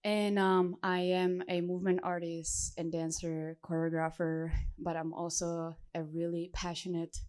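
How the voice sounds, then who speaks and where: A woman speaking earnestly as a panelist, listing her work in an unhurried way. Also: lowish voice, darkish tone, smooth. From Czech Republic. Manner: earnest, unhurried, trailing lists. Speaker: panelist, dancer and coach. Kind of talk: panel self-introduction. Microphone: handheld mic.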